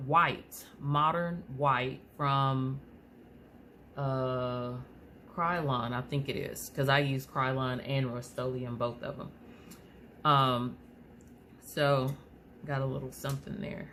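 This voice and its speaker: A woman's voice: low-pitched, fairly bright tone, slight background noise. A woman with a slight lisp from aligner trays, hosting a casual craft tutorial and rambling along with many fillers and restarts. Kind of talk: casual how-to talk.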